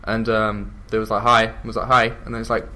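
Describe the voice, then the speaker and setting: A man's voice: lowish voice, monotone, fast, pushed and bright. A young man with an English accent, a gamer chatting casually, rambling and laughing as he talks. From England. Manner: chatty, drifts into mock voices and laughs. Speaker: YouTube gamer. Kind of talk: casual chat.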